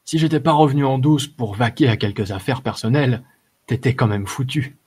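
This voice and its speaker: A man voicing a gruff, mocking old male warrior in an audiobook, with blunt soldier's slang. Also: lowish voice, moderate pace. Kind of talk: audiobook character voice.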